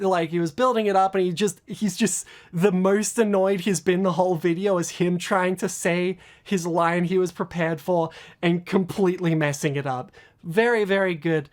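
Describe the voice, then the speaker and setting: A woman talks casually as a video creator explaining her own work. Her voice sits a little low, and she rambles eagerly, stammering and repeating words as she goes. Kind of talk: casual behind-the-scenes commentary.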